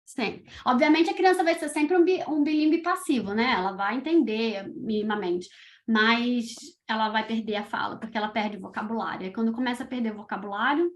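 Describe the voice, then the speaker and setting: A woman's voice: fairly high pitch, brisk. A middle-aged woman from Brazil, a podcast creator, chatting casually as an interview guest, with lots of "tipo" and "sabe" fillers.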